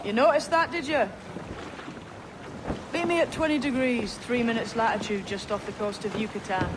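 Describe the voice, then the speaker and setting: A woman's voice: fairly high pitch, moderate pace, noisy background, natural voice. A woman playing a shrewd, teasing young pirate in a video game. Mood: knowing, teasing. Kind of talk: video game character acting.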